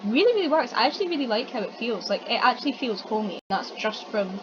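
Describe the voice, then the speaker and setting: Fast-talking woman on noisy lo-fi audio. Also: on the high side, sing-song. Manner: chatty, quick to interject, swears casually. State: throat rough from hay fever. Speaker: co-host reviewing a film. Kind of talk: casual chat. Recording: dull lo-fi audio with noisy background.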